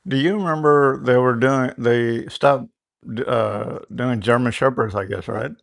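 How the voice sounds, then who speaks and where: A man hosts a podcast conversation, putting his questions in a loose, stop-and-start way. His voice carries a gravelly fry at a middle pitch. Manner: casual, halting questions. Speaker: podcast host. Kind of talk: conversational interview.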